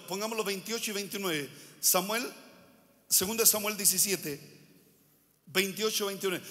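High, bright-voiced preacher man in a hall. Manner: preaching with repeated phrases and rhetorical questions. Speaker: pastor. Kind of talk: sermon. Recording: long church hall reverb.

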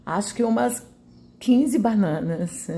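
A Brazilian woman narrates a home cooking video in a chatty, homely style, tossing in little tag questions to seek agreement. Her voice is fairly high and animated yet slow, with vocal fry and a dark tone.

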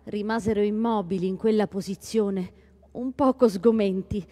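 A woman giving a measured staged reading of a literary story in a library hall. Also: mid-range voice, fairly even intonation, mellow. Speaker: stage reader.

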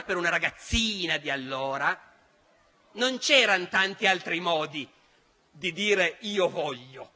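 Lively older man lecturing in a hall. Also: high-pitched. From Italy. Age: 60s. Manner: animated storytelling, vivid and emphatic. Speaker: historian lecturer. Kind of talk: public history lecture. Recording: large hall with long reverb.

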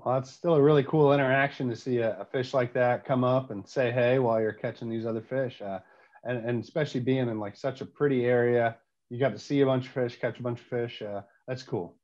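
A man's voice: medium pitch, fairly even intonation, fairly quick, darkish tone. Young man on a dull video call. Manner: hesitant, with many ums. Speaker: podcast co-host. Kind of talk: casual chat.

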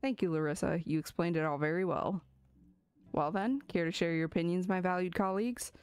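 A woman voicing a pompous, self-satisfied pigeon doctor in a game, formal and measured. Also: fairly low pitch, a little mellow, clean tone, close to an everyday voice. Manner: formal, measured bedside manner.

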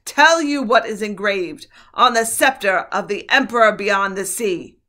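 A woman voicing a cold, cruel and imperious witch queen, shrill and sneering. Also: a little slow, fairly bright tone, close to an everyday voice.

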